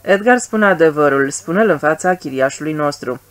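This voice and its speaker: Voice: mid-range voice, lively intonation, no room sound, natural voice. A reader voicing a stern questioning wife. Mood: firm. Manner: insistent, demanding answers. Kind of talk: audiobook reading.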